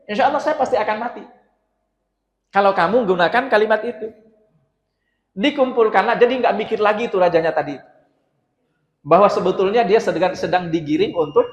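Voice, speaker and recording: A man preaching in a mosque, telling a story and acting out its dialogue in a lively way. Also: sits high. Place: mosque hall. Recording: dull, echoey mosque hall sound.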